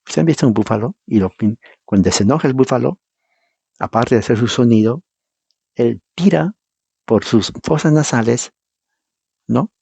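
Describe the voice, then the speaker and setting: A man with a husky, slightly rough voice delivers a verse-by-verse Bible teaching sermon. He reads scripture aloud and explains it with emphasis, often turning to the congregation with rhetorical questions. The sound is dry and close, at a middle pitch. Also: lively intonation, normal speed, pauses often, warm tone, no room sound. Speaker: preacher.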